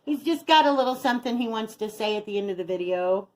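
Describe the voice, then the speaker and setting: Fast-talking and expressive, a middle-aged vlog host with a fairly high voice chats casually through every step of cooking in her home kitchen, though the audio quality is poor.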